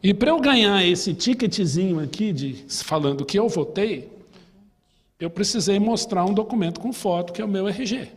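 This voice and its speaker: In a church hall full of lingering reverb, a Brazilian-accented pastor leads a relaxed Bible class, quizzing his students and recounting his own experiences. He sounds high-pitched, expressive and husky, speaking at a moderate pace.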